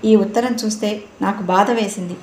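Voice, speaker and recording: Woman voicing a quiet, downcast young man. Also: medium pitch, fairly even intonation, a little fast, close to an everyday voice. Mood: subdued. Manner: soft, subdued. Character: sad, quiet young man, elder brother. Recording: roomy room, faint noise.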